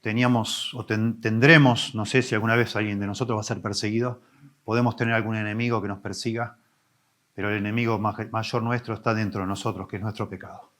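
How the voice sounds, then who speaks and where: A man, a pastor preaching an expository sermon, teaching with emphatic rises and soft low drops. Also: level tone, fast. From Argentina.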